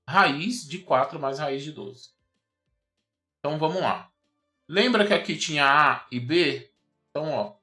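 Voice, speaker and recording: A Brazilian man with a fairly high voice walks a student through a math problem, step by step. He repeats himself patiently and keeps checking that the student is following. Faint music plays behind him. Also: a bit bright. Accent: Brazilian Portuguese. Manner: patient and repetitive, checks understanding with "certo?" and "ó". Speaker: math teacher. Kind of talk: explaining math at a whiteboard.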